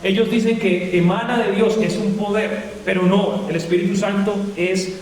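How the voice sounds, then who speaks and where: A man's voice: high voice, steady tone, normal speed, a little mellow, a little hiss or hum. A man preaching a Bible doctrine lesson to a church, asking the congregation questions and answering them himself. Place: church hall. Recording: echoey hall, mic far off.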